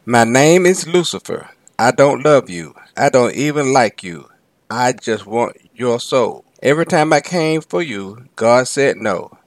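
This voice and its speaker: A cold, boastful devil, as a male storyteller puts him on, drawls each gloating line slowly. The voice sits in a middle register. It is recorded dry and close, with no room around it. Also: mid-range voice, big pitch swings, no echo.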